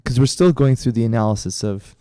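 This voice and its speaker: A middle-aged man chats on a podcast in a mellow, darker tone. He rambles through his story with plenty of restarts. The sound is dry and close. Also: mid-range voice, a little fast, no room sound. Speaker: podcast co-host, karate instructor. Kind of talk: casual chat.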